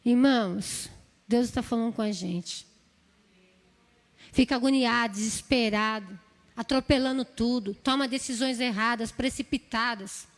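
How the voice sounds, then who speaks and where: Speaking a little slowly, a preacher delivers her sermon with a São Paulo Brazilian Portuguese accent and a high-pitched voice. She begs earnestly and loops back over the same words, her lines trailing off in the hall's long reverb.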